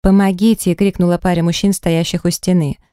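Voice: medium pitch, brisk, mellow, no room sound. A narrator reading a first-person romance audiobook dramatically and expressively into a close mic.

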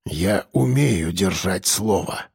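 Man voicing a gruff old hunter, hoarse, low and slow, sparing with words, dry sound. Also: animated, no room sound, full character voice. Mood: stern. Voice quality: hoarse, muffled. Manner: slow, few words, stern. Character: low-voiced old taiga hunter, proud, terse.

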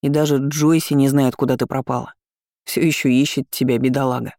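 A man's voice: medium pitch, flat delivery, brisk, darkish tone, no room sound, studio quality, natural voice. A woman voicing a blunt, teasing young brother in an audiobook. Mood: scolding.

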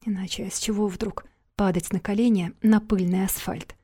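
A woman reads a novel aloud in a wry, confiding way, with a breathy and mellow voice. The recording is dry and close, with no room sound around her. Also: mid-range voice, steady tone, moderate pace, dry recording. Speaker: audiobook narrator. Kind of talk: scripted narration.

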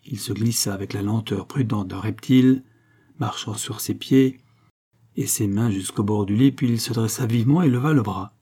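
Male audiobook narrator, measured, dramatic, low pitch, dark husky voice.

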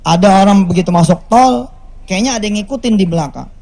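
A man, preaching a lively storytelling sermon to a large religious gathering, animated and jokey as he acts out the quotes. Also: sits high, brisk, vocal fry.

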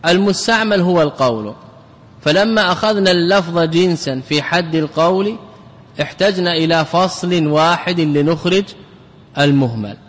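A male grammar teacher lectures in a hall with a long echo, speaking at a moderate pace in a voice on the high side. He has students repeat words as drills and asks them questions.

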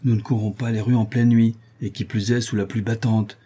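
A man voicing a cunning, cool-headed craftsman in a spoken storybook, with a calm, mocking manner. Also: fairly low pitch, a little fast, breathy edge. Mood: sardonic calm. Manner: sardonic, calm.

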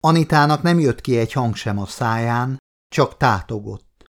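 Male audiobook narrator, steady and even, mid-pitched.

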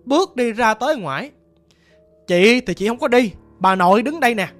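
A woman's voice: fairly high pitch, lively intonation, moderate pace, faint music behind. A woman telling a first-person ghost story in a chatty way, speaking directly to her listeners.

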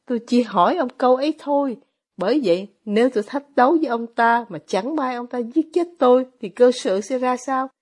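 A woman reading as a poor, bitter older male ex-officer with quiet irony, in an audiobook. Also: on the high side.

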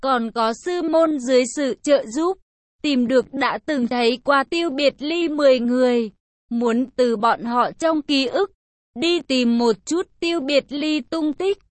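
A woman narrating a fantasy audiobook in an even, unhurried reading style. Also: sits high, no echo. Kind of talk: scripted narration.

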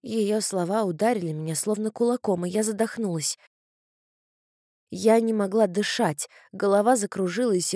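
A woman narrating an audiobook in a measured first-person storytelling manner. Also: mid-range voice, warm tone, no echo, studio quality. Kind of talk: scripted narration.

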